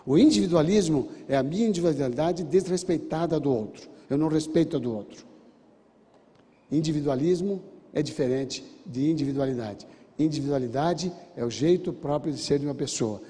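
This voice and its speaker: A man's voice: on the high side, brisk, mellow. A man giving a sermon-style talk, telling a counseling story and acting out the dialogue with emphatic repeated commands. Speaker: church counselor and speaker. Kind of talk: sermon-style lecture with stories. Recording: long hall reverb.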